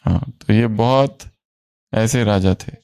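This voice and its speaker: Gravelly-voiced man teaching a class. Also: fairly low pitch, takes it slowly, mellow. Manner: quizzes the class with questions and repeats answers. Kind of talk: spiritual study class.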